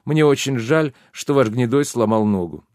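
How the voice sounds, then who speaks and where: A man's voice: mid-range voice, expressive, moderate pace, darkish tone, no room sound, studio quality, lightly acted. A man voicing a jovial, sly, plump baron who talks effusively in an audiobook. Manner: effusive, exclamatory, fawning.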